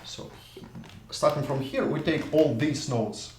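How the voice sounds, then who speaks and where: A Russian lecturer speaks slowly in a slightly high voice with a Russian accent, background noise audible behind him. He draws at a university whiteboard in a lecture hall, thinking aloud, restarting and repeating words, and the echoey room and off-mic drift are noticeable.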